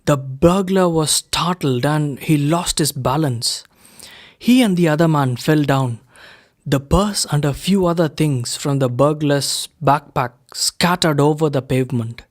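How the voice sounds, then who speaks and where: A man reading a first-person story aloud in a measured, unhurried way. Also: a little high. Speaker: reader of a story.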